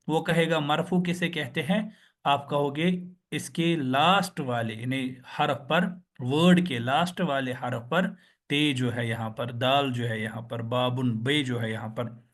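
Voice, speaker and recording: A man's voice: medium pitch, fairly bright tone. A man teaching an online Arabic grammar lesson, patiently drilling word endings and asking the class questions he answers himself. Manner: slow, patient, repeats and drills words.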